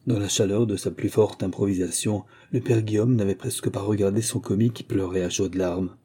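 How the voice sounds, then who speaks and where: Deep dark-voiced male narrator. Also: fairly even intonation, slightly rough. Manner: measured literary reading. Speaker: audiobook narrator. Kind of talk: scripted narration.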